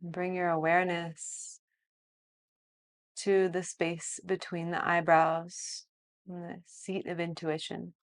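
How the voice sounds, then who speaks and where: With a fairly low pitch and flat delivery, a female yoga teacher leads a guided yoga nidra session. She sounds like a sleep story narrator: hushed, soothing, and pausing at length.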